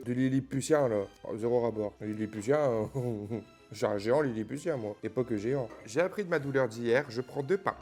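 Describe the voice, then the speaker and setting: A man's voice: medium pitch, a little mellow. A man chatting casually to his viewers in a joking, playful way while unboxing gifts. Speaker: youtuber opening advent calendars. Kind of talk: casual vlog chat to viewers.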